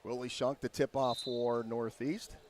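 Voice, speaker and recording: A man's voice: medium pitch, little pitch movement, measured pace, a little mellow. A man giving basketball commentary as a play-by-play broadcaster.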